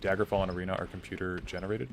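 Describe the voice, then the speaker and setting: The voice of this young male streamer sits low and level, and he races through his words. He plays live and chats casually, answering viewers and thinking aloud with many "like" fillers.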